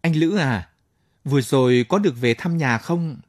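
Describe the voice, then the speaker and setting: A man voicing a shy, gentle young village wife who speaks softly and politely. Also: on the high side, moderate pace, natural voice. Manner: soft, bashful, polite.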